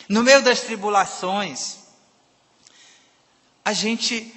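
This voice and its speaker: A man preaching a sermon in a church, emphatic, swinging between loud and soft passages. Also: high voice. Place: church sanctuary. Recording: long reverb of a church hall.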